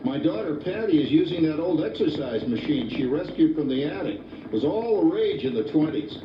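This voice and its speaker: Jolly joking dad, old vhs tape sound, muffled and echoey from far off, music under it. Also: male voice, fairly high pitch, very animated, brisk, noisy background. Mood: chatty. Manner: chatty, joking, chuckles often. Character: cheerful middle-aged family father. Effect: old VHS tape recording. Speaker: father narrating his family life. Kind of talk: scripted stage narration.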